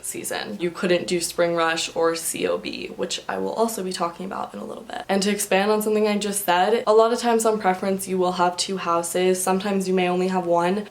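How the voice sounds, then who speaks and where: Chatty young American sorority girl, lowish voice. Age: young adult, about 19 or 20. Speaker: vlogger giving sorority recruitment advice. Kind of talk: casual explanatory chat to camera. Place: indoor room with large windows.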